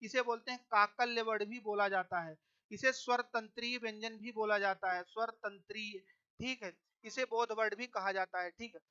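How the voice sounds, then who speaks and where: A teacher with a bright, crisp voice walks through a solved exam paper point by point. Nearly every line ends with a quick check-in, and English words slip into the explanations. The recording sounds dull and lo-fi. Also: mid-range voice, steady tone. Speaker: Hindi exam-prep teacher. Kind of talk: exam-prep lesson going through a solved test paper.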